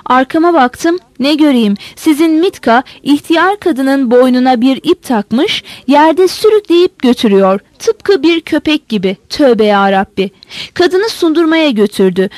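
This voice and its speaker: A woman's voice: high voice, lively intonation, measured pace, darkish tone, no echo. A woman voicing a stammering, frightened village woman. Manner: stammering, sobbing account.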